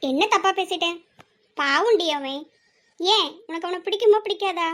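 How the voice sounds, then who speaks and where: This is a pushy, teasing schoolgirl from an amateur audio drama, voiced by a woman. The voice sits very high, and she nags her friend with one question after another. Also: normal speed, fairly bright tone.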